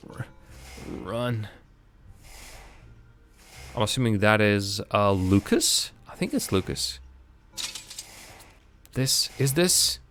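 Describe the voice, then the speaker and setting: A man giving casual, halting game commentary, thinking aloud and poking fun at himself, and speaking as a language. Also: lowish voice, fairly bright tone, slight background noise. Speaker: host of a game playthrough stream. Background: game music.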